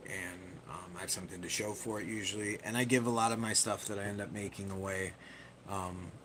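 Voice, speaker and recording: Man, livestream host, casual rambling chat, self-deprecating, lowish voice, background hiss. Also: steady tone, a little fast, fairly bright tone, rough recording.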